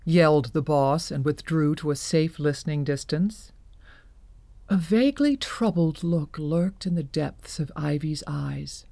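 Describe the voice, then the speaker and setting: A woman narrating an audio drama in a measured storytelling manner. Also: low-pitched, vocal fry, warm tone, no room sound.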